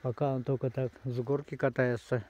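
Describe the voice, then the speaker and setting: A man's voice: medium pitch, little pitch movement, brisk, dark tone, highs cut off. A man narrating casually outdoors on a snowy sledding hill, like a father filming his children. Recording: noisy outdoor home video.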